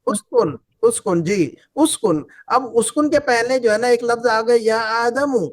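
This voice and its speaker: A man's voice: extremely high pitch, unhurried. A man teaching an Arabic class, patiently repeating phrases and quizzing his students. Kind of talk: online class lesson.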